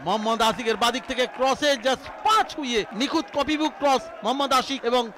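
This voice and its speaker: A man giving excitable live football commentary that builds to shouted calls. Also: very high-pitched, fast. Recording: outdoor crowd noise behind the voice. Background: outdoor stadium crowd.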